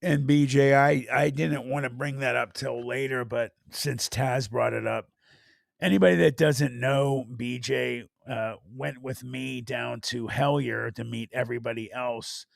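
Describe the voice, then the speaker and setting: Gravelly, hoarse live stream host man. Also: mid-range voice, fairly even intonation, a little slow, dry recording, studio quality. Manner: rambling, thinks aloud with restarts. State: hoarse, losing his voice. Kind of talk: casual live stream commentary.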